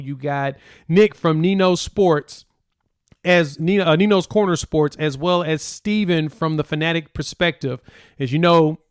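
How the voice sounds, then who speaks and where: A man's voice: on the high side, clear, resonant tone, dry recording, studio quality. A young man hosting a casual solo sports talk podcast, chatty and rambling with a sing-song delivery. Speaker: podcast host.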